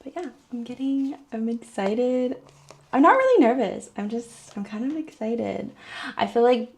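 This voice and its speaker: A woman's voice: fairly high pitch, animated, unhurried, a little hiss or hum. A woman in her thirties, chatting to her phone camera in a giddy, emotional vlog. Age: 30s. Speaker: vlogger. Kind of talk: casual vlog chat.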